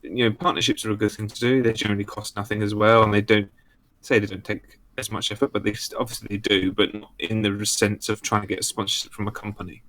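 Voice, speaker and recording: Flat low man, robotic voice chat. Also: fast talker. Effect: robotic digital distortion from a voice-chat line. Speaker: stream guest. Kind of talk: casual call-in chat.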